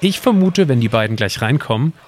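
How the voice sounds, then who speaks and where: A man with a mid-range voice talks animatedly and a little fast as he hosts a semi-scripted audio play. As podcast host and co-creator of this exhibition piece, he explains things to a companion and to listeners.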